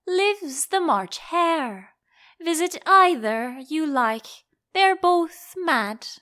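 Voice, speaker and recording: A woman voicing a grinning, teasing, calmly mad cat in a storybook, with slow, cryptic delivery. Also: very high-pitched, voice pushed up, exaggerated voice. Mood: languid, amused.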